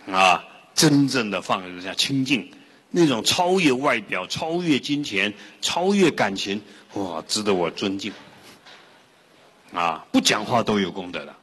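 Animated monk preacher, bright and husky, in a reverberant hall. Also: male voice, on the low side. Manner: lively and rhetorical, asks the audience questions. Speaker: Buddhist monk giving a dharma talk. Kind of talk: sermon with storytelling.

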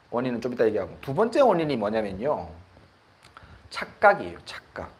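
A man's voice: mid-range voice, slight background noise. A middle-aged Buddhist monk, giving a conversational dharma talk and often checking that his listeners agree. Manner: conversational, asks the audience for agreement; laughs at his own stories.

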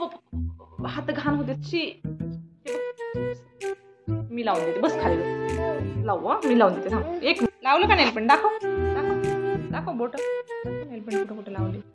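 Sing-song young woman coaxing a toddler. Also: sits high. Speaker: vlogger. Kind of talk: playful chat with a toddler.

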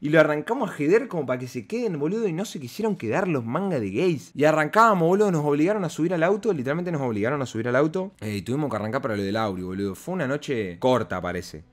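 A man with a Rioplatense Argentine accent telling a casual storytime vlog. He is slangy and emphatic, with big swings between loud high bursts and quiet low asides. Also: expressive, fast talker, few pauses. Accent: Rioplatense Argentine Spanish. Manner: slangy and emphatic, often saying "amigo" and "¿se entiende?".

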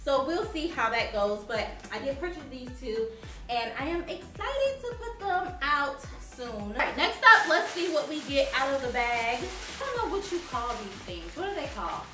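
A young woman from Haiti sings out in a high voice at normal speed over music. She's on the living room sofa filming a casual haul, bubbly as she shows home decor to her viewers and saying "like" a lot. The mic is far away, so the audio sounds roomy.

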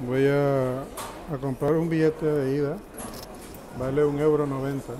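A man's voice: on the high side, a little slow, background noise. Man narrating a metro tour on his phone. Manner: relaxed, explains step by step to viewers. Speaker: travel vlogger. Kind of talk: casual handheld tour narration. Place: underground metro station, indoors. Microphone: handheld phone camera. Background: station ambience and passing trains.

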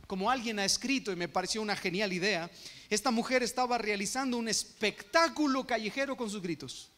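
A man preaching an expository sermon as a pastor, speaking directly to his congregation with rhetorical questions, moving between quiet asides and loud impassioned cries. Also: high voice, brisk, long reverb tail. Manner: addresses listeners as brothers, asks rhetorical questions. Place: church.

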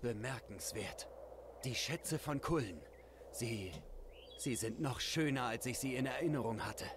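Man playing a grateful refugee leader, game dub, measured solemn delivery, middle pitch, faint background ambience. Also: noisy background, close to an everyday voice. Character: grateful male refugee leader, dignified and formal.

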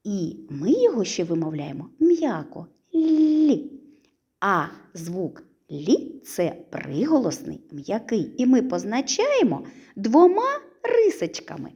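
A woman teaching preschoolers a literacy lesson, stretching out syllables in a sing-song, slow and clear way. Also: mid-range voice, wildly swooping pitch, a little mellow.

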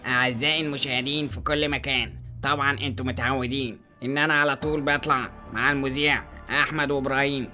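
A man's voice: mid-range voice, steady tone, fast talker, bright, forceful tone, faint music behind. A man voicing a solemn TV news anchor with an Egyptian accent, announcing formally. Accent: Egyptian Arabic.

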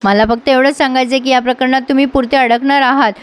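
A woman's voice: sits high, fairly even intonation, quick pace, clear, resonant tone, natural voice. A woman voicing a young man who keeps pressing and probing while retelling a TV serial. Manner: pushy, probing.

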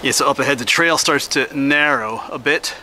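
Out on a wintry forest trail, this Pennsylvania man in middle age keeps up a relaxed, chatty hiking narration in a mid-range voice. He's a little winded and stops for breath now and then, while his camera mic catches the outdoor noise.

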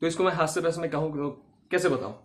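A man's voice: fairly high pitch, fast, slight background noise. Chatty man teaching acting. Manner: chatty, laughs often, acts out lines. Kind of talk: casual acting lesson.

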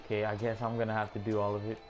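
A man's voice: lowish voice, monotone, very fast. A young man giving exasperated, bossy co-op gameplay commentary. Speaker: gamer. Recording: game music behind. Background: game music.

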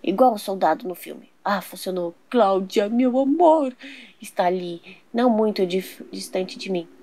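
A woman's voice: mid-range voice, expressive, normal speed, dark tone, pitched below the performer's own voice. Woman playing a sneaky lovesick intruder man. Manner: whispering to himself, scheming. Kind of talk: toy doll soap opera voicing.

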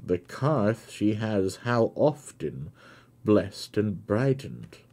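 A gentle cricket fairy from a storybook, read by a man who speaks in a low, soft voice. It pleads in slow, earnest words. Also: sing-song, full character voice. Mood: tender. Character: gentle fairy spirit of a cricket, soothing and solemn.

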